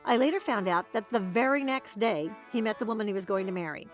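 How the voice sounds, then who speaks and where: A woman's voice: medium pitch, expressive, quick pace, faint music behind. A woman narrating her own documentary in a wry, dry storytelling manner.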